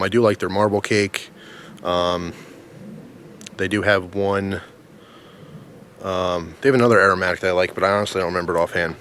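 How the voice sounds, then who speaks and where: A man with a notably deep voice talks through a casual review outdoors. His delivery is informal and halting, wandering from one thought to the next as he goes. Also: a bit bright, a little hiss or hum. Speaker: pipe tobacco reviewer. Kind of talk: casual product review vlog. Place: outdoors in the snow in winter.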